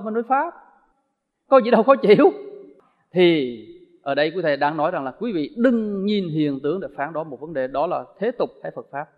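A man giving a Buddhist dharma talk as a monk teacher, animated and acting out everyday dialogues. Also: high voice. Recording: echoey hall, dull lo-fi sound.

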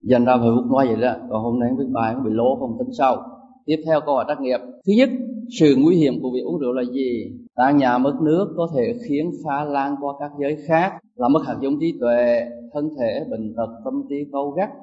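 Emphatic monk teacher, distant and muffled. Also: male voice, mid-range voice, fairly quick. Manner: animated and emphatic, swinging between loud and soft. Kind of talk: Dharma class with quiz questions. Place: lecture hall with an audience.

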